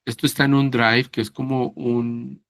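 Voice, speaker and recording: A man teaching English in an online class, explaining slowly and patiently and often checking that his students follow along. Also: medium pitch, flat delivery, creaky, fairly bright tone, no room sound. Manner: slow, patient, checks understanding with "¿sí?" and "¿cierto?".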